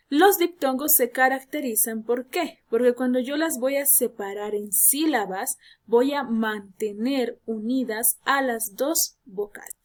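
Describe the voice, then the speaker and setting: A woman teacher, giving a recorded grammar lesson, explaining patiently, repeating key points and speaking to her students with rhetorical questions. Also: high voice.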